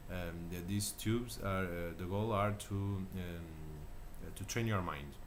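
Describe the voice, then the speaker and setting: A deep-voiced man in his thirties speaks English with a Portuguese accent, hesitant and full of fillers and restarts. He talks casually to his camera at home, with a clear hiss of background noise. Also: slow pace. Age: 30s. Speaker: channel host. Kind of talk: casual self-recorded talk. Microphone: camera mic.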